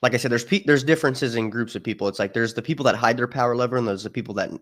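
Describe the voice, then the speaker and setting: A man's voice: medium pitch, racing. A man speaking as a guest in a casual chat, telling stories animatedly and acting out quoted people. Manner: animated storyteller, acts out quotes.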